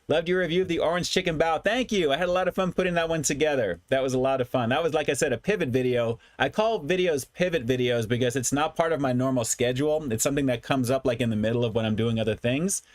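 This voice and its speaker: A man's voice: medium pitch, quick pace, few pauses, dry recording. A man hosting a food review livestream, chatting casually with viewers and often repeating his phrases for emphasis. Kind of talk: casual livestream chat, reading and answering comments.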